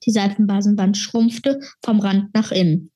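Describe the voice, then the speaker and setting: A woman reading a children's fantasy novel aloud in a steady, expressive storytelling manner. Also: medium pitch, normal speed. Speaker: reader.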